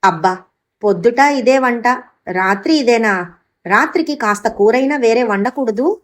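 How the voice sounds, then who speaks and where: A woman's voice: fairly high pitch, animated, measured pace. A woman reading the part of a grumbling, complaining husband. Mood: irritated. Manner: complaining, irritated. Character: grumbling middle-aged husband, regretful.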